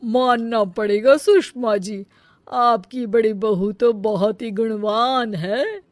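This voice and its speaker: A woman's voice: fairly high pitch, slow, dry recording. A woman voicing a generous older aunt visiting in a cartoon story, with an effusive manner. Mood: admiring.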